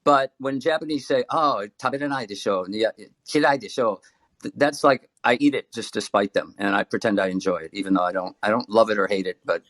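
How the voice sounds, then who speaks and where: A man speaks casually as a panelist in a group conversation. His pitch is a little lower than average, and the recording is dry, without room echo. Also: quick pace, few pauses, fairly bright tone. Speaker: podcast panelist. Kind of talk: casual chat.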